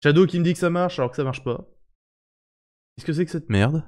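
A man's voice: a little high, brisk, darkish tone. A young man giving casual live gameplay commentary as a streamer. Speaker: game streamer. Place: indoors at a gaming setup. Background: faint game music.

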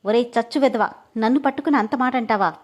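A woman's voice: on the high side, fast, lightly acted. A woman voicing jealous, sarcastic young Neha. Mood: furious. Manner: sharp, sarcastic and scolding.

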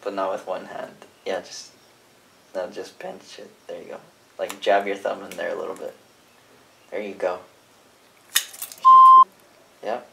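Low-voiced young man reading recipe steps. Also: flat delivery, a little slow, creaky, long pauses. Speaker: cooking helper. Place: home kitchen. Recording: echoey kitchen, distant camera, noisy.

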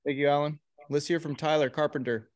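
A man hosting an online co-op meeting as vice president, talking in a relaxed, halting way with fillers over a video call. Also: on the high side.

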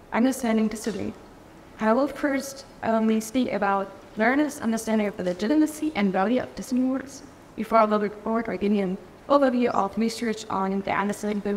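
A woman's voice: mid-range voice, a little hiss or hum. Woman from Germany lecturing in a reverberant hall. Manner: careful, with frequent restarts and fillers. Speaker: keynote speaker. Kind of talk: conference keynote lecture. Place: large conference hall stage. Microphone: lectern microphone. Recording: reverberant hall, faint ambience.

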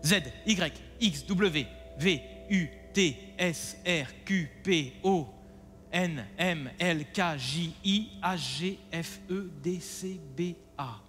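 A man's voice: on the high side, drawn-out words, a bit bright. Guy mentalist on stage, theatrical and bossy with his volunteer, faint music, big hall reverb. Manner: theatrical, coaxing and commanding. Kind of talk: live stage show addressing a volunteer. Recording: live theatre with long reverb.

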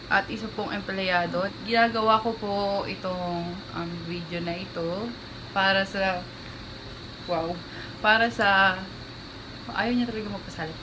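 Young filipina vlogger at home, laughs a lot, talks slow and mock serious, noisy background. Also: female voice, mid-range voice. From Bulacan, Philippines. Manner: giggly, keeps cracking up, then slow mock-formal speech. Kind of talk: casual prank vlog.

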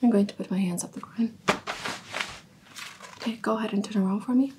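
A woman doing an ASMR role-play as a security inspector, giving polite, procedural instructions in a soft, breathy soft voice. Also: medium pitch, fairly even intonation, brisk, heavy background noise. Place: small carpeted room indoors.

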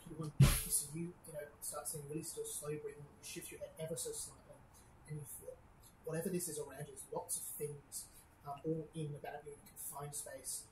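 A woman with a low voice narrates a tabletop game as game master, improvising scenes haltingly. She sounds echoey, with clear noise in the background. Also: level tone.

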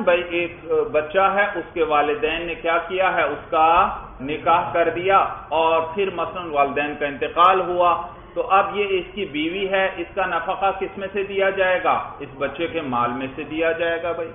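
A man's voice: on the high side, a little hiss or hum. A man teaching a class on Islamic law, putting questions to his students and answering them himself, repeating key terms. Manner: repeats key terms, calls listeners brother. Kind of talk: classroom lecture. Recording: echoey, tinny phone-like recording.

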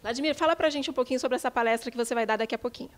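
A woman's voice: fairly high pitch, very fast. A young Brazilian woman hosting a TV interview with an upbeat presenter delivery, holding a handheld mic in an office. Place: office with bookshelves, indoors.

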